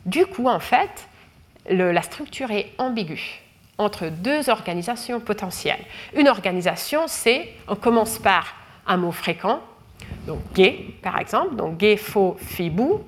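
A woman's voice: medium pitch, big pitch swings, measured pace. A woman giving a lecture, explaining carefully with frequent fillers and restarts. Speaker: researcher lecturing.

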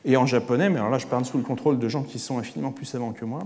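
A man giving an academic lecture at a conference, erudite and hesitant, often pausing on filler sounds. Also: medium pitch, steady tone, darkish tone, in a large hall. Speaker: conference speaker. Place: conference hall.

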